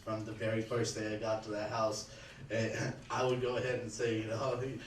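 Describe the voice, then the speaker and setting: A man speaking at a memorial in earnest, halting sentences with many restarts, remembering his late father-in-law. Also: lowish voice, monotone. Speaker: eulogy speaker, son-in-law. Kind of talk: personal remembrance speech. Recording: echoey room, distant mic, faint background hum.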